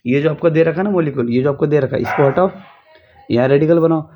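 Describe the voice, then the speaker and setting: A man's voice: on the high side, fast talker, background noise. Young male tutor, casual home chemistry lesson, self-quizzing delivery, dull lo-fi sound. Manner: repetitive, drills students with rhetorical questions.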